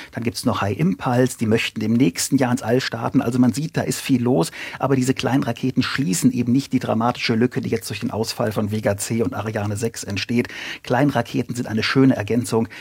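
A man's voice: medium pitch, creaky, a little mellow, breathy edge, no room sound. A man reporting as a radio science correspondent, explaining the matter fluently with a few small restarts.

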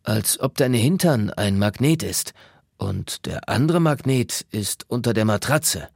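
A man reading a sluggish animal in a children's story, explaining slowly. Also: lowish voice, expressive, vocal fry, slightly rough, no room sound, studio quality, full character voice. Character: sluggish animal who cannot get up.

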